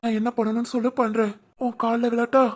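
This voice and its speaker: A voice actor playing a remorseful young husband in an animated family drama, speaking with a Tirunelveli Tamil accent and pleading apologetically. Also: mid-range voice, fast, lightly acted.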